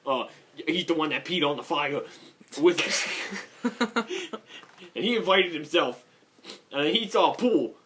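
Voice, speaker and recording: A teenage boy co-hosting a casual podcast, loud and jokey, breaking into shouts and bits of song. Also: a little high, animated, a little slow, pauses often, poor audio. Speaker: podcast co-host. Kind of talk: casual chat.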